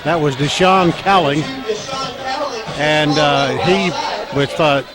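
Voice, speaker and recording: Calling a high school football game play by play, this announcer has a strained, scratchy male voice. He halts and leans on fillers, then rises as plays break open, with the crowd and a band audible beneath him.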